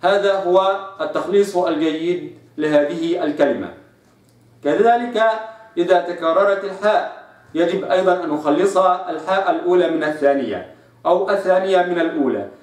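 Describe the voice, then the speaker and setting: A man with an Egyptian accent teaching Quran recitation, explaining and slowly demonstrating letter sounds. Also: high-pitched. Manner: slow drawn-out sound demonstrations between explanations. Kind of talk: tajweed lesson with demonstrations. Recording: echoey room, voice a bit distant.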